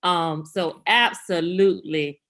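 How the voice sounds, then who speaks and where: A woman on a video call praising a fellow group member in a relaxed way. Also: fairly low pitch, slow pace. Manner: relaxed, hesitant fillers.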